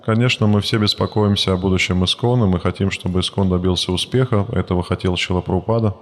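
A man's voice: sits low, fairly even intonation, quick pace. A man interpreting a religious lecture phrase by phrase, hesitant with fillers and restarts. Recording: long hall reverb.

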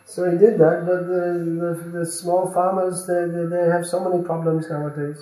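A man in casual talk who keeps questioning and pushes his own opinions. His voice sits a little high and comes from some way off the mic. The room around him rings. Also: little pitch movement, warm tone. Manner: inquisitive, leads with quick questions. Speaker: interviewer. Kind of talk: casual conversation. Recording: echoey room, distant from mic.

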